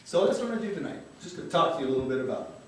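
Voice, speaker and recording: A man's voice: fairly high pitch, expressive, very fast, slight background noise. An older man, a dentist, telling a candid personal story at a story-slam, earnest and wry, sometimes swearing for emphasis. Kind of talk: story-slam talk to a live audience. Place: large hall with a live audience. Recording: echoey hall, voice from far off.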